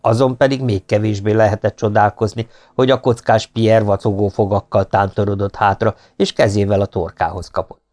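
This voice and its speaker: Low-voiced male audiobook narrator. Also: fairly even intonation, darkish tone. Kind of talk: scripted narration.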